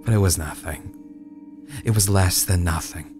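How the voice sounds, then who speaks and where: A man reading a first-person horror story dramatically, in a brooding, hushed, halting delivery with dramatic pauses. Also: deep voice. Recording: music bed under the voice. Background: background music.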